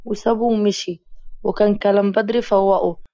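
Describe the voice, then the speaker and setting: Egyptian woman narrating a story, mellow. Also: medium pitch, steady tone, fairly quick, no echo, dull audio.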